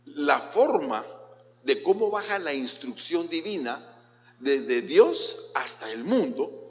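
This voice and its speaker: A Guatemalan pastor preaches in a bouncing, animated voice that sits a little high for a man. He keeps turning to question his listeners and slips jokes in between. The sound is a dull lo-fi recording with a long church-hall echo. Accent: Guatemalan Spanish. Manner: questions the congregation directly, mixes in jokes. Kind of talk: sermon.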